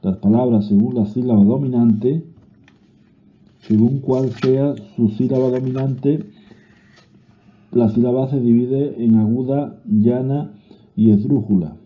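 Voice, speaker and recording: A man with a Spanish accent reads a grammar lesson aloud at a slow, deliberate pace, now and then restarting a word. His voice sits at a middle pitch. The recording is thin and narrow, like a phone line. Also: steady tone. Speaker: teacher. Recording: phone-like narrow-band audio.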